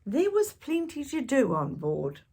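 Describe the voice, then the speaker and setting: A woman with a high-pitched voice and a measured pace hosts a children's storytime. She reads a picture book expressively, with animated, gasping asides whispered in wonder to the young audience.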